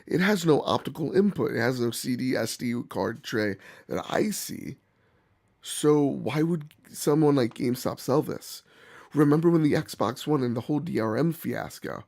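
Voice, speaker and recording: A man hosting gaming commentary, speaking bluntly and emphatically in a rough, hoarse voice as if sick. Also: fairly high pitch, darkish tone. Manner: emphatic, opinionated, blunt, swearing. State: hoarse from bronchitis. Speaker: gaming channel host. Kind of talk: opinion commentary to camera or viewers.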